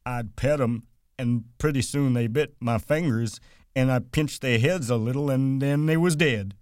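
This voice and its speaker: A man's voice: mid-range voice, a little slow, darkish tone, dry recording, clean studio sound, voice pushed up, natural voice. A man voicing a big, simple-minded, childlike man who talks in a plaintive, apologetic way.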